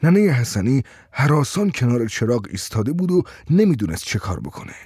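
Husky, mellow male storyteller. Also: mid-range voice, very animated, no room sound, studio quality. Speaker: narrator. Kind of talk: storytelling narration.

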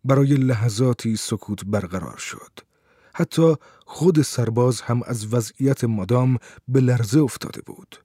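A man narrating an audiobook in a measured, steady storytelling manner. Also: mid-range voice, dry recording, studio quality.

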